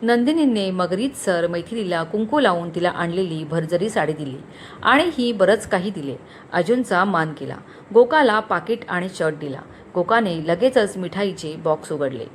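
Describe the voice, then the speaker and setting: A woman storyteller narrating a romantic story in an expressive reading voice. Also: lowish voice, normal speed, slight background noise.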